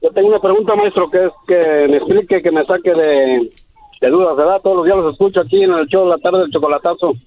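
A man's voice: high voice, quick pace, no echo. A man in his thirties calling into a radio show, nervous and hesitant, tagging sentences with "¿verdad?". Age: 30s. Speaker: caller. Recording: tinny phone line.

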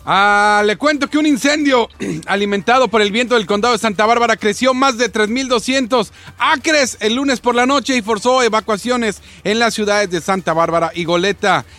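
A man's voice: high voice, moderate pace, pushed and bright. A man co-hosting a news show, joking with the others and reading a story. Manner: joking, playful back-talk. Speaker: news co-host. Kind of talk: comic news banter.

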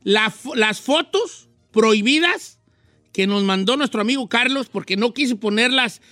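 Playful Mexican male radio host, high bright voice, dry booth sound, teases guests nonstop. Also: expressive, dry recording, faint music behind. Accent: Mexican (Guadalajara). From Guadalajara, Mexico. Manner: teasing, playful, quick to joke. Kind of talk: joking radio talk show banter.

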